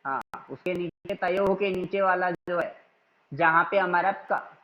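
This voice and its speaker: A man teaching an online class, calmly but firmly correcting his students' reading and repeating himself until they get it right. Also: sits high, a little slow, dull audio, slight background noise. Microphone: video call.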